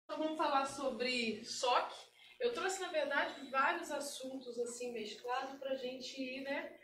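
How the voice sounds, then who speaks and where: A talkative woman in her forties with a Carioca accent, giving a relaxed tech talk at a meetup. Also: high voice, unhurried, slight background noise. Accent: Carioca Portuguese. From Rio de Janeiro, Brazil. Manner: chatty, talkative, laughs easily. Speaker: guest speaker. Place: event room at a meetup. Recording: roomy hall from a distant mic.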